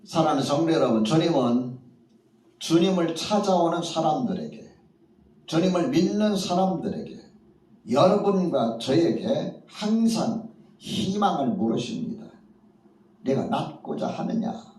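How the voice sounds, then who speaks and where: A male pastor tells a story from the pulpit with rising and falling drama, voicing the people he quotes. His somewhat high voice carries from a distance through an echoey church hall, with a faint hiss of room noise behind it. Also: very animated, a little slow, darkish tone. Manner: storytelling preacher who acts out quoted voices. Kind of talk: sermon. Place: church at a morning prayer meeting.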